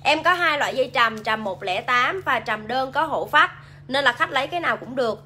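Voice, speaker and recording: Bright high-voiced Southern Vietnamese woman seller. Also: animated, brisk. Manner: chatty, reads viewer comments aloud and hypes products. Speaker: livestream seller. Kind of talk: casual live sales pitch.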